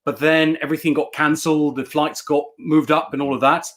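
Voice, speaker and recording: A man's voice: on the high side, flat delivery, brisk, fairly bright tone. A man in his thirties from Sweden, a native Swedish speaker, talking earnestly as a coaching guest on a video call and repeating words as he thinks. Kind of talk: casual video-call interview. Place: bright room at home.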